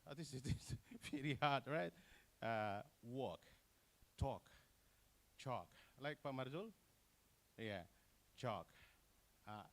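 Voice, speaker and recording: Halting man presenting research. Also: mid-range voice. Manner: halting, many fillers and restarts. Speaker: conference presenter. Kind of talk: academic conference presentation.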